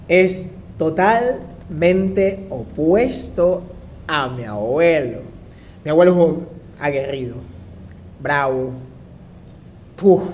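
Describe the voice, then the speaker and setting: A young man telling a first-person anecdote in an animated way, acting out the voices of the people in it. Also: fairly high pitch, a little hiss or hum. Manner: animated, acts out quoted dialogue. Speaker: storyteller.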